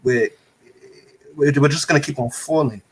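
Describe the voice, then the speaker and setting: A man's voice: a little high, normal speed, slightly rough, poor audio. A man calling in as a guest fan, talking with many ums and restarts over an unstable internet call. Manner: hesitant, lots of ums and restarts. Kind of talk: casual opinionated chat. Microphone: remote call with an unstable connection.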